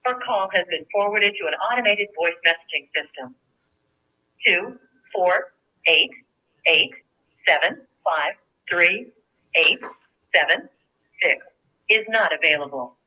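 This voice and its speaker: An automated answering machine greeting played over a phone call. It reads digits and instructions in a measured, even way. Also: mid-range voice. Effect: automated voicemail greeting heard over a phone call. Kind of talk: recorded answering machine prompt. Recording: tinny phone line.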